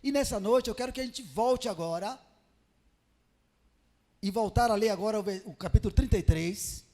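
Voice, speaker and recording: Brazilian pastor preaching in a reverberant hall. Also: male voice, high-pitched, moderate pace, mellow. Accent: Brazilian Portuguese. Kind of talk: sermon. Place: church hall.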